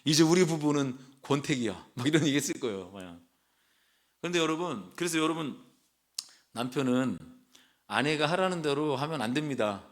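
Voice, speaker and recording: A man's voice: mid-range voice, lively intonation, normal speed, long pauses. A male pastor preaching a sermon in a church, talking conversationally with the congregation, asking them questions and adding playful asides. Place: church sanctuary.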